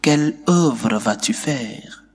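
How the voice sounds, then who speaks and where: A priest with a mid-pitched male voice recites liturgical prayers at an unhurried, measured pace. His words ring out through a long church reverb, with a solemn, steady delivery. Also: slightly rough. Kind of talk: liturgical prayer and gospel reading.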